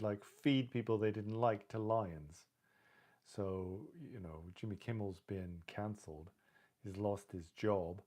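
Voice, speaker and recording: A man talking in a casual livestream monologue, rambling and conversational, with frequent fillers and the odd laugh. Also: lowish voice. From lives in Canada. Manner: rambling, conversational, with many fillers like "you know" and "right"; laughs now and then while talking. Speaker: livestream host.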